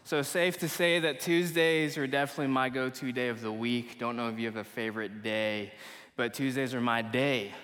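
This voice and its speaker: A young man from Kuala Lumpur preaches to a young adults church group in an informal, slangy, conversational manner. His mid-range voice stays steady at normal speed with a fairly bright tone. A long hall echo from the church meeting room fills the recording.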